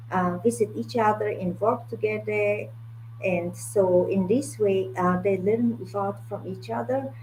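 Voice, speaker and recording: Halting woman with a Mongolian accent. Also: medium pitch, a little mellow, poor audio. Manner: halting, hesitant, searching for words. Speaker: guest, art curator. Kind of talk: online talk about own work. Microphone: video call. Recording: video call with faint noise and hum.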